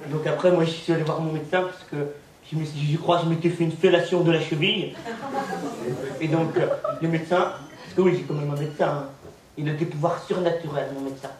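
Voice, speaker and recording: A man's voice: a little high, fast talker, crowd noise. Naive-sounding man doing stand-up from afar. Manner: naive, deadpan village-simpleton persona with frequent "hein". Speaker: stand-up comedian. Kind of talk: stand-up comedy routine. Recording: roomy, noisy recording from far off.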